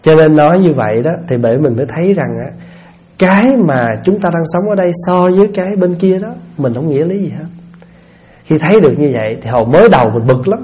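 Male monk, relaxed warm tone, folksy sermon that keeps checking in with listeners. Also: fairly high pitch, fast. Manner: folksy, asks listeners rhetorical questions. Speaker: Buddhist monk giving a dharma talk. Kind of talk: conversational sermon.

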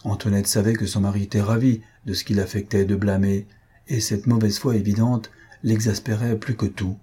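Reading from the script of a classic novel, this audiobook narrator uses a slightly rough, fairly low male voice. His pacing stays steady and deliberate, like a practiced storyteller.

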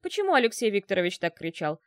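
A woman's voice: mid-range voice, big pitch swings, quick pace, dry recording, clean studio sound, natural voice. A woman voicing a fussy, chattering middle-aged male doctor who talks in a wheedling way.

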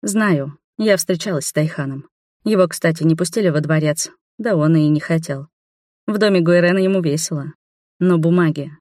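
A woman's voice: low-pitched, moderate pace, darkish tone, dry recording, clean studio sound, close to an everyday voice. A woman reading as a blunt, dutiful palace servant. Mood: stern.

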